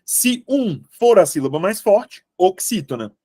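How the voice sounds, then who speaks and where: A man's voice: high voice, a little slow, dry recording, clean studio sound. A young adult man teaching a Portuguese grammar lesson for exam prep, checking in often with the class. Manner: lively, coaxing, asks the class frequent checks.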